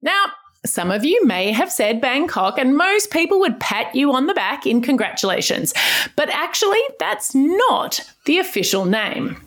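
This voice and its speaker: A woman's voice: high voice, big pitch swings, normal speed. A woman with an Australian accent, host of a children's podcast, giving an upbeat, scripted explainer aimed at young listeners. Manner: bright, upbeat storytelling. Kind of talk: scripted educational narration for children.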